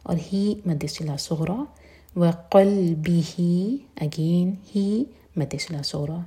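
A woman teaching a Quran recitation lesson. She whispers her explanations, recites verses slowly and drawn out, and breaks words down letter by letter. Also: low voice, mellow. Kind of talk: tajweed lesson.

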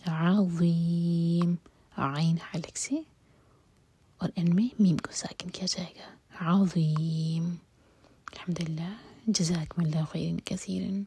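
Breathy whispering woman teaching Quran recitation. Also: fairly low pitch, steady tone, darkish tone. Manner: whispers explanations, recites verses slowly and aloud. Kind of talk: whispered tajweed lesson.

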